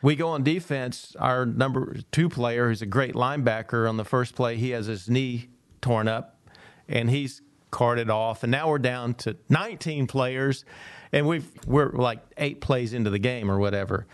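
A man's voice: medium pitch, normal speed, no room sound. A middle-aged man, a former football coach, telling a long story on a podcast, acting out the dialogue and laughing often.

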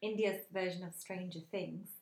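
A woman's voice: lowish voice, steady tone, moderate pace. A woman co-hosting a casual podcast chat, chatty and teasing. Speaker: podcast co-host. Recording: echoey room with crowd behind.

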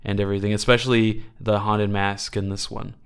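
Casual podcast co-host, male, lowish voice, easygoing trivia sharer. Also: fairly quick, gravelly, clean tone. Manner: relaxed, conversational, cites trivia he read. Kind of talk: casual chat.

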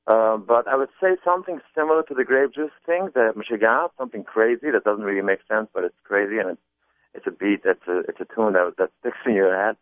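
A man's voice: fairly low pitch, fast talker, dry recording. A man being interviewed about his comedy album, talking casually with many restarts and repeated words. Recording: muffled phone-line sound.

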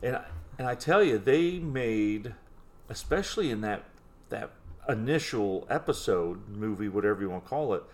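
A man in his forties with a fairly low voice co-hosts a podcast. He chats in a loose, nostalgic way, often circling back and restarting his sentences. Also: expressive, moderate pace, darkish tone. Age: 40s. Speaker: podcast co-host. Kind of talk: casual chat.

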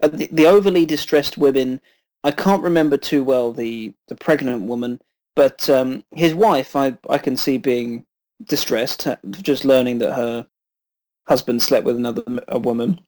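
A man co-hosting a film podcast, calmly and politely arguing his side in casual chat. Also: mid-range voice, moderate pace, low-quality recording. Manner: calm, reasoned, disagreeing politely.

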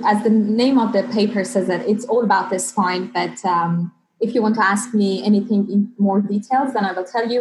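A woman's voice: medium pitch, darkish tone, slight background noise, low-quality recording. Iran-born woman, earnest podcast guest. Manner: earnest, slightly halting non-native phrasing with fillers. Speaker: guest, PhD student in biomechanics. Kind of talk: conversational interview answers.

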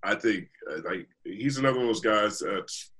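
A man's voice: lowish voice, normal speed, fairly bright tone. A man guest on a podcast, chatting casually and animatedly, laughing often and thinking aloud with fillers. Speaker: podcast guest, hip hop journalist.

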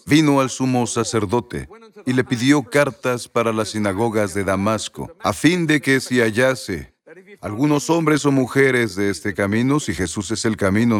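A man preaching a sermon, reading scripture slowly and repeating words for emphasis. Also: on the low side.

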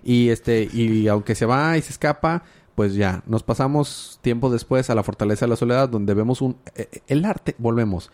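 A man's voice: medium pitch, moderate pace, hardly any pauses, a little mellow. A man co-hosting a podcast, retelling a comic casually with lots of filler words and chuckles. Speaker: podcast co-host. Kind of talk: casual comic book discussion.

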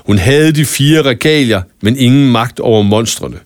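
A man reading a scripted Christmas story aloud in a calm, even storytelling manner with small stumbles now and then. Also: medium pitch, no echo, clean studio sound. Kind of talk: scripted audiobook narration of a Christmas tale.

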